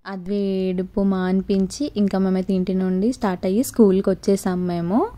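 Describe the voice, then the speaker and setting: A woman's voice: medium pitch, steady tone, a little fast, heavy background noise. A young adult woman, a mother, narrating her home vlog in a chatty, step-by-step way with frequent filler sounds. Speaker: vlogger and mother.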